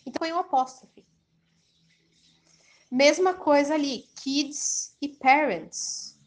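Woman, English teacher, online grammar lesson, fairly high voice, unhurried. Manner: switches between slow careful English examples and quick explanations.

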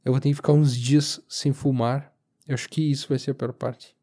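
A young man with a southern Brazilian accent speaks alone in a casual podcast monologue. His voice is soft-edged and relaxed, at a medium pitch, and he sounds sleepy. He meanders informally, often halting as he searches for his words. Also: slightly rough. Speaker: podcast host. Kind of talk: casual solo monologue, rambling. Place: recorded lying down, alone.

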